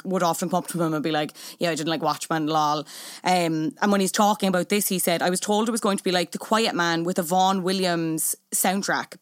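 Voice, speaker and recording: A woman hosts a podcast in relaxed chat, full of quick asides. Her voice is mid-pitched and recorded dry and close. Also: clear, resonant tone, dry recording. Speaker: podcast host. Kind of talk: casual chat.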